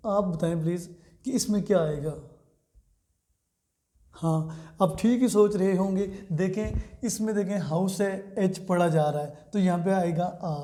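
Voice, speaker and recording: A man teaches an English grammar lesson in a warm, mellow voice, walking through each rule step by step and putting questions to his students. He slows down sharply for example sentences. The room has a roomy echo. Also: high voice.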